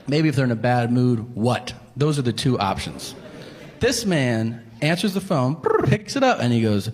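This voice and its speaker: Animated stand-up comic in a reverberant hall. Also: male voice, medium pitch, moderate pace. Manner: exasperated storytelling, acting out deadpan characters. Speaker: stand-up comedian. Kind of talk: stand-up routine. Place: comedy stage before a live audience. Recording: long hall reverb, faint ambient noise.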